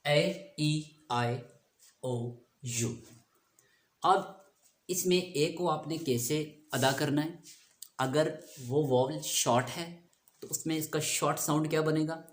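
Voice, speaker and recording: A man hosting an English lesson, explaining vowel sounds slowly and repeating each sound as a drill. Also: medium pitch, fairly bright tone. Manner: slow, repetitive, drawn-out sound drills. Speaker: English teacher, channel host. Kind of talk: classroom-style phonics lesson. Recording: echoey room.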